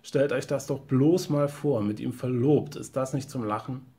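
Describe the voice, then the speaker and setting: A man's voice: medium pitch, animated, a little fast, mellow, close to an everyday voice. A man voicing a tense young woman with strained, defiant cheer in a read-aloud short story.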